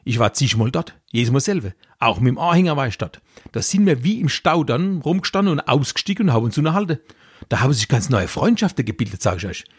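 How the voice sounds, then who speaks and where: A man's voice: mid-range voice, very animated, fast, slightly rough, no echo, clean studio sound. A man in his sixties with a Kurpfalz dialect, telling a rambling comic story straight to his audience. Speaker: comedian. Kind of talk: comic monologue.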